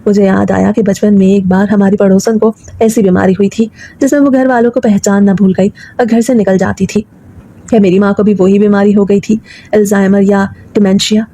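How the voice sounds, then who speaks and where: Woman telling a dramatic story, dark voice. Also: medium pitch, steady tone. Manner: dramatic, emotional first-person telling. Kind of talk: scripted dramatic story narration.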